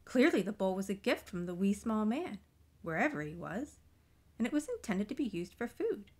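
A woman reading a children's picture book aloud, gentle and expressive, often dropping into soft whispers. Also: medium pitch, moderate pace. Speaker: storybook reader.

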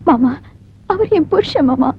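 A pleading young wife. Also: female voice, high voice, expressive, a little slow, dull audio. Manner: pleading, tearful. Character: young married daughter, torn and pleading.

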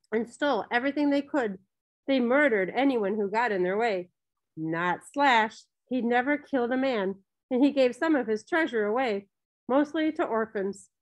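A woman narrating a children's novel in a gentle storytelling manner. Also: on the high side. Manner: gentle storytelling, briefly voicing characters. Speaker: audiobook narrator.

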